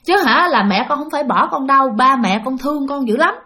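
A woman voicing an elderly male shaman who speaks gently and soothingly, never scolding. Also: high-pitched, animated, brisk, pitched above the performer's own voice.

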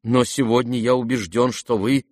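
A man reading aloud and voicing a gentle, simple-hearted young prince who speaks earnestly and guilelessly. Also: medium pitch, level tone, normal speed, no room sound, studio quality, close to an everyday voice.

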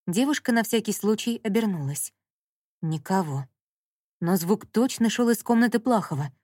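A woman reading an audiobook novel in a measured storytelling manner. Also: mid-range voice, expressive, darkish tone, no echo, clean studio sound. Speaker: audiobook narrator. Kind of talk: scripted narration.

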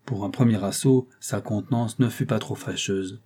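A man reading a classic novel aloud as an audiobook narrator, with measured storytelling. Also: on the low side, warm tone, husky.

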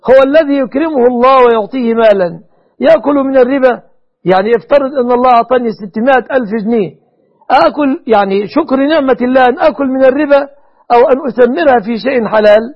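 A man, a sheikh answering callers' religious questions in a measured, formal way and repeating key phrases. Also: very high-pitched. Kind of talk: call-in religious advice. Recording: muffled radio broadcast.

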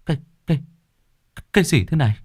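A man's voice: on the high side, lively intonation, normal speed, voice pushed up. A man doing a timid, stammering village father. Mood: frightened. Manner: stammering, pleading. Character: timid frightened middle-aged village father.

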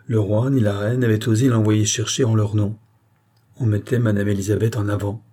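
A man reads a classic novel aloud in steady audiobook narration. His voice sits low and warm, with a husky edge. The storytelling stays even throughout. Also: brisk. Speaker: audiobook reader.

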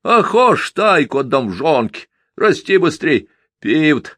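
A man's voice: on the high side, sing-song, a little slow, husky, no room sound, pitched above the performer's own voice, full character voice. A man doing a blustering drunk peasant. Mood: drunken rant. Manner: slurred, blustering, shouting. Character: drunk, bullying bearded village peasant man.

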